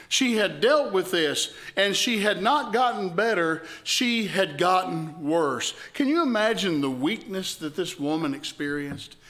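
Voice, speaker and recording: High-voiced, slow Southern preacher. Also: male voice. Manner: storytelling preacher, builds to loud emphatic peaks. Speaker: pastor. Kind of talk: sermon. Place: church sanctuary. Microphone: live-stream microphone.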